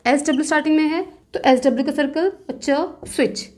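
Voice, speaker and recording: A woman teaching shorthand step by step, patiently repeating rules and slowly drawing out example words, with terms. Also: high-pitched, steady tone, a little mellow. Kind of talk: step-by-step tutorial explanation.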